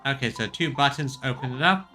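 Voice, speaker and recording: A man with a very bright, forward voice at a middling pitch comments casually on a game. He streams with wry, off-the-cuff asides, and faint music plays behind him. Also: brisk. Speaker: gaming streamer.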